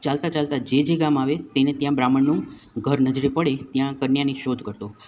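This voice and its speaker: A man narrating a devotional folk tale in a calm, measured storytelling way. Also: mid-range voice, lo-fi sound, slight background noise.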